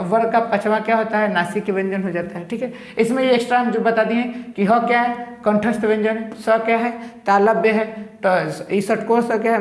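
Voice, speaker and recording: A male teacher giving a grammar lesson, asking his own questions and answering them with repeated terms. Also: sits high. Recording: roomy echo.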